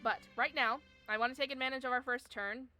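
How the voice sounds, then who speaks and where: Woman streamer, slightly high voice, live game commentary, chatty, explains rules step by step, lots of fillers. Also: fairly even intonation, fast talker, pushed and bright, faint music behind.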